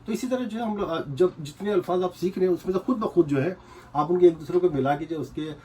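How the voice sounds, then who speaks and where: A man's voice: high-pitched, quick pace, a little mellow, slight background noise. A man teaching a casual whiteboard lesson, patiently repeating points and checking that students follow. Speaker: language teacher.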